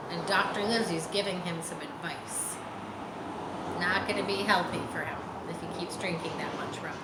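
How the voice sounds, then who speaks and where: With a fairly low, somewhat bright voice, a woman reads a children's chapter book and stops to explain things plainly for young listeners. A roomy echo and faint background noise are present.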